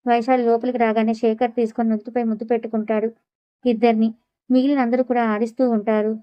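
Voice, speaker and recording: A woman's voice: a little high, level tone, fast talker, no room sound, muffled recording. A woman narrating a serialized audio story, voicing the dialogue of all characters in her own voice.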